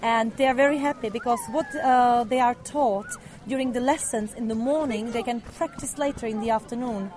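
A woman's voice: fairly high pitch, moderate pace, few pauses, a little mellow. A woman who speaks natively, a programme organizer, answering interview questions hesitantly. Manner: hesitant, frequent fillers.

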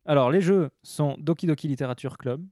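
A man's voice: a little high, brisk, dark tone, no room sound, clean studio sound. A man hosting a casual group podcast, teasing and joking as he moves through the topics. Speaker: podcast host.

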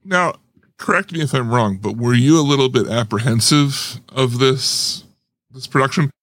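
A man's voice: mid-range voice, normal speed, fairly bright tone, no echo. A man hosting a podcast in casual chat, easygoing and leading the talk. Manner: easygoing, laughing, leads the talk. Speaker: podcast host.

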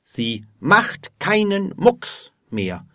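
A man's voice: fairly high pitch, big pitch swings, very slow, no room sound, clean studio sound, voice pushed up, heavily acted. A man voicing an irate male customer who complains about a broken washing machine and speaks in a curt, commanding way. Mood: indignant.

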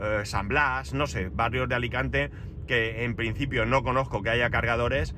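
A man's voice: medium pitch, fairly even intonation, normal speed, background noise. A middle-aged man from Spain with a Spanish accent and a head cold, giving a casual, wry, grumbling personal monologue as a podcast host. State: has a head cold with runny nose.

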